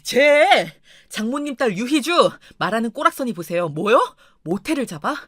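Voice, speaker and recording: A woman voicing a furious young husband who speaks in a low, firm, clipped way. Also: very animated, moderate pace, a bit bright, no echo, clean studio sound. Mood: angry.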